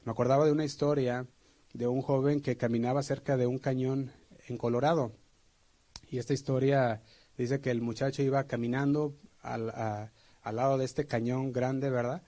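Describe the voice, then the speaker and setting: A pastor preaching earnestly, checking in with the congregation. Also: male voice, medium pitch, flat delivery, moderate pace, warm tone. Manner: earnest, asks the congregation for assent. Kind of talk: sermon.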